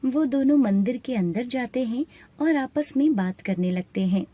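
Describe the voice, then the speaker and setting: A woman narrating an animated moral story in a steady, plain storytelling manner. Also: on the high side, moderate pace. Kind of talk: scripted narration.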